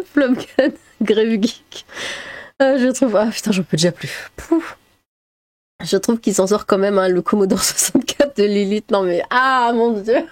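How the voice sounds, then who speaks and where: A woman's voice: mid-range voice, darkish tone, no echo. A woman YouTuber reading viewer comments aloud in casual chat, laughing often and swearing in chatty asides.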